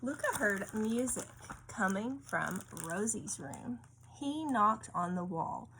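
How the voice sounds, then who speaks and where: A woman reads a picture book aloud to a child, frequently pausing to ask coaxing little tag questions. Her mid-range voice is expressive, slow, pushed and bright, and the audio is poor with faint room noise behind it.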